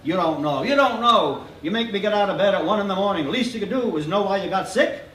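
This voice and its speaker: A man voicing a fast-talking, wisecracking male doctor with gruff, mock-grumpy jokes, read aloud in a roomy hall. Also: high voice, animated, a bit bright, slight background noise, pitched above the performer's own voice. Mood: grumpy teasing. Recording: roomy hall picked up from a distance.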